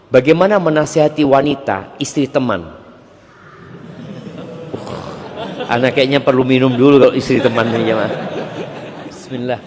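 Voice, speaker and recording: A man's voice: medium pitch, normal speed, pauses often, long reverb tail, background noise. A male preacher giving a religious lecture and answering audience questions, in a conversational way with joking asides.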